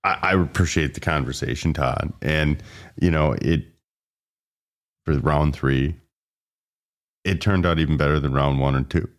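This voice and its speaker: A man with an extremely low, deep voice hosts a podcast, chatting in a loose, rambling way. He laughs easily and keeps things easygoing, close on a podcast mic. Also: unhurried, pauses often. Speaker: podcast host. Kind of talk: casual podcast chat. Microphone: podcast dynamic mic.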